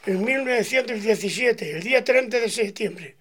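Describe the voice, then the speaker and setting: A man's voice: very high-pitched, normal speed, a bit bright, husky. A man in his nineties with an Asturian accent, a bagpiper telling long, meandering stories from his life to an interviewer. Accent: Asturian Spanish. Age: 90s. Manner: meandering, folksy, acts out voices in his stories. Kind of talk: rambling oral-history storytelling.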